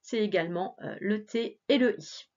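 A woman's voice: mid-range voice, moderate pace, a little mellow. A woman teacher giving a remote reading lesson to young children, sounding out words syllable by syllable in a patient, encouraging way. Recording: dull lo-fi recording.

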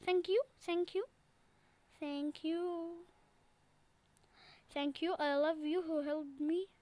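A woman giving casual gameplay commentary, excitable and repeating herself in pleading cries. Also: very high voice, slow pace, no echo. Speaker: gaming channel host.

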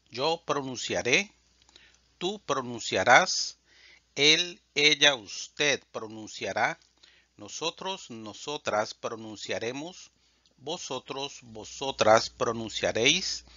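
A man teaching Spanish, reading verb conjugations aloud in a measured, drilled way. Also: medium pitch, animated, pushed and bright, dry recording. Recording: dull lo-fi dry sound.

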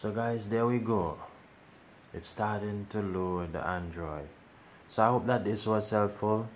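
A man's voice: fairly low pitch, a little slow, a little hiss or hum. A man hosting a casual how-to video, explaining each step and repeating instructions as he goes. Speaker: tech tutorial host.

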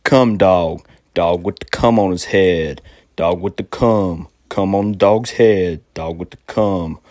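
A man speaking in a flat, deadpan manner. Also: deep voice, takes it slowly, no echo, studio quality.

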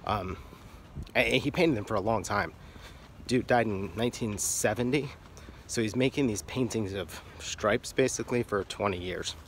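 A man's voice: lowish voice, normal speed, slight background noise. A man giving casual, frank explanatory talk about art in an offhand, irreverent manner. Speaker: artist and video creator.

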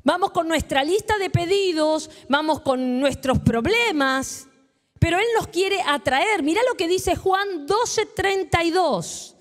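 A woman's voice: very high voice, lively intonation, takes it slowly, big-room sound. A woman preacher with a Rioplatense Spanish accent, leading her congregation in prayer and call-and-response during a sermon. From Argentina. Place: church hall.

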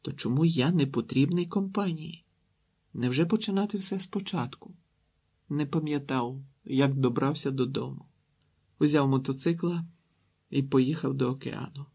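A man narrating an audiobook in a calm, even storytelling manner with a raspy voice. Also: medium pitch. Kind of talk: scripted narration.

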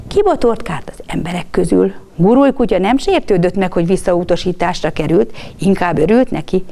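A woman reading a storybook tale aloud in an expressive way, sometimes dropping to a whisper. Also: mid-range voice.

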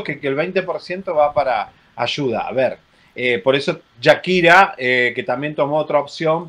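A middle-aged man talks gossip over a video call from home, wry and joking. His voice is a bit high for a man, and he halts on fillers as he goes. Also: a bit bright. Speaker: co-host. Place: home room.

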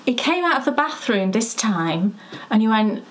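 A woman of fifty chatting casually as a knitting show co-host, telling stories with laughs and lively animation. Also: a little high, moderate pace, rough recording. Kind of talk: casual chat.

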